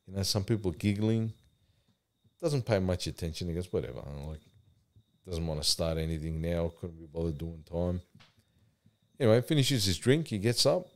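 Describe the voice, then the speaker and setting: A man with a very low voice speaks casually, as if among friends. He is plain-spoken and colloquial, telling things in simple storytelling phrases. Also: animated, normal speed. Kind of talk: casual chat and unhurried storytelling.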